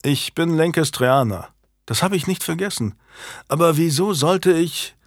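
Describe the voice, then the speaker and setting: A man's voice: fairly high pitch, animated, unhurried, dry recording, clean studio sound, pitched above the performer's own voice. A man reading an audiobook, voicing an earnest, blunt young knight who speaks urgently. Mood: defiant. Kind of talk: audiobook character voice.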